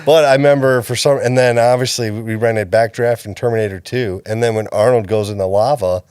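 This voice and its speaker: A man's voice: medium pitch, fairly even intonation, a little fast, darkish tone, clean tone, no room sound, studio quality. A man in his thirties co-hosting a podcast in casual chat, rambling and laughing often. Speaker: podcast co-host.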